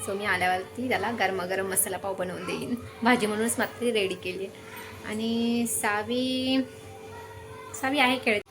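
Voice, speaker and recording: A woman's voice: medium pitch, normal speed, over music. A young woman chatting casually to camera in her home kitchen while coaxing her toddler. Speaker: vlogger and mother. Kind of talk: casual home vlog chat.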